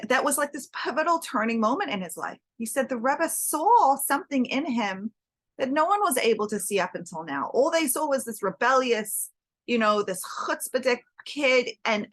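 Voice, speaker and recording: A woman's voice: on the high side, no echo. A woman giving a spiritual class, earnest and storytelling, often repeating words for emphasis. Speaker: Torah teacher. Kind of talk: spiritual class on the Hebrew months.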